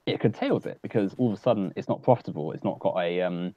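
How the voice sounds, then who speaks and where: During a laid-back online get-together, a low-voiced man speaks quickly and earnestly on political topics, going on at length with plenty of fillers. The sound is dry, dull and lo-fi, coming from a home computer mic on a video call.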